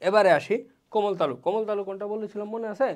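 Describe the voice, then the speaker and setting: A teacher giving an online class lecture, explaining step by step and asking and answering their own questions, sounding out vowels slowly as examples. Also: medium pitch, fairly even intonation, darkish tone.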